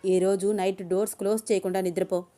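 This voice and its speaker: A woman's voice: mid-range voice, level tone, fast talker, mellow, soft background music, lightly acted. A woman voicing Abhiram, a bossy, protective young man who gives stern orders. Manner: stern, commanding.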